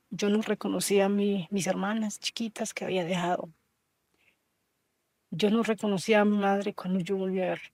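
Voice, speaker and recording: Woman, 30s, from Colombia, interview guest; dark, even delivery, slow and halting, dry close sound. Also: mid-range voice, dry recording. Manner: slow, halting storytelling with soft trailing lines. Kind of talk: emotional personal testimony.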